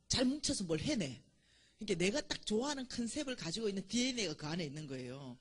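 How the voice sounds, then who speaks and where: A woman lectures at a church, spinning chatty anecdotes. Her voice is husky and breathy. Her pitch rises and falls a lot as she jokes along. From Gyeongsang Province, South Korea. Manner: chatty storytelling, laughs at her own jokes.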